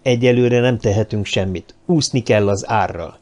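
A man voicing a calm, resigned male leader in an audiobook, speaking slowly and wearily. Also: lowish voice, natural voice. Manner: weary, resigned.

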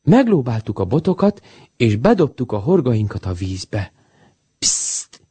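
A man reading a children's story aloud, full of expression and animation. His voice climbs and dips with a lot of life, and the tone is warm and mellow with a slightly husky edge. The sound is dry and close. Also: mid-range voice, big pitch swings, dry recording.

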